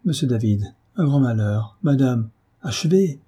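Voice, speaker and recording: A man's voice: medium pitch, expressive, a little slow, warm tone, slightly rough. A man voicing a panicked female servant, fretful and pleading, in a storybook reading. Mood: anxious.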